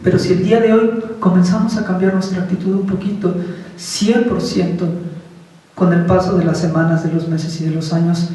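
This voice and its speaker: A man's voice: high voice, flat delivery, normal speed, dark tone. A man giving a Buddhist teaching as a casual talk, putting questions to the audience. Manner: conversational, asks the audience questions. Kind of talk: informal dharma talk. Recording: echoey hall, speaker far from the mic.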